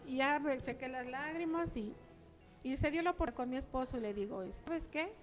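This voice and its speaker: A woman's voice: sits high, fairly quick, faint music behind. An older woman giving a chatty personal testimony to her church, acting out remembered dialogue.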